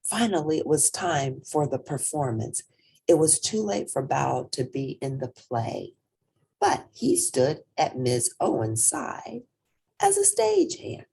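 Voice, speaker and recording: A woman whose voice sits low reads a children's picture book at a slow pace. She gives it an animated, dramatic treatment, using a husky, breathy sound that falls into whispers and dwells on some words.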